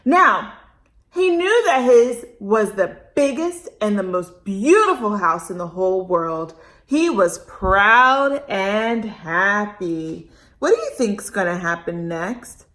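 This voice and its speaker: Slow, expressive, and a bit bright, this woman's medium-pitched voice carries a picture book read aloud to kids. She elongates words for effect and talks straight to the little ones through chatty asides and questions.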